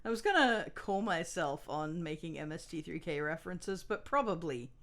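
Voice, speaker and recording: A woman's voice: on the low side, animated, normal speed, a bit bright. A woman co-hosting a let's play, teasing and giving hints in casual chat. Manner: teasing, laughs often, gives hints.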